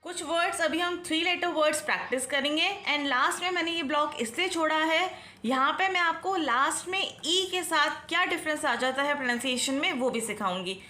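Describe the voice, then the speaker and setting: Young woman, phonics teacher; bright, high voice; slow, deliberate sounding-out of letters; echoey room. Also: slight background noise. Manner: slow clear sounding-out of letters, stretching syllables. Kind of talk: phonics lesson for young children and parents.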